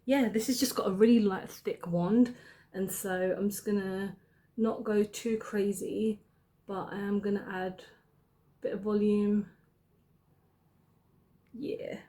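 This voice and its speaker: A woman's voice: medium pitch, fairly even intonation, slow pace, long pauses, warm tone. A young woman chatting casually as she applies her makeup, thinking aloud and correcting herself as she goes. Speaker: beauty vlogger. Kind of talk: casual makeup tutorial chat.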